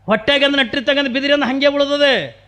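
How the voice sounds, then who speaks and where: A man's voice: very high-pitched, steady tone, brisk, sharp tone. A man telling a devotional story as a purana preacher, sing-song and full of rhetorical questions.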